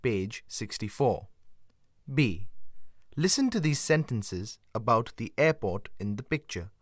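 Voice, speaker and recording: Male course narrator, clear scripted instructions, lively pitch, slow and deliberate.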